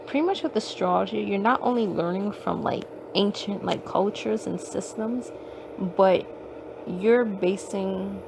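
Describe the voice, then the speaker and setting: This podcast host's mid-range, creaky voice comes through a phone microphone over a noisy background. She chats loosely and casually, swearing often and leaning heavily on fillers.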